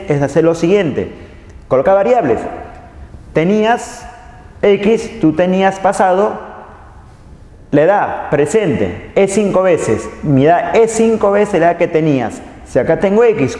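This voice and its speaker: A man's voice: high-pitched, mellow. Male math teacher, patient and repetitive, quizzing the class; roomy classroom echo. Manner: patient, repeats key phrases, asks students questions. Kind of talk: recorded math lesson. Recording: echoey room with long reverb.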